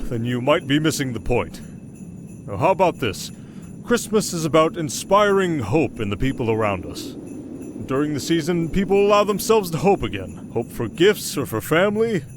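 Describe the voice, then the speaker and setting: A man voicing a kindly old Santa in an audio roleplay, patient and fatherly, speaking in an avuncular, unhurried, gently preaching way. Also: on the high side, sing-song, noisy background. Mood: gentle, earnest.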